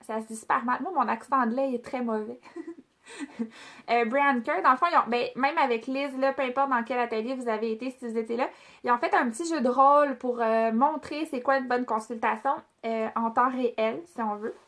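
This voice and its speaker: A woman's voice: fairly high pitch, brisk, fairly bright tone. A woman with a Québécois French accent leading a casual product training, chatty, with many fillers and restarts as she speaks directly to her trainees.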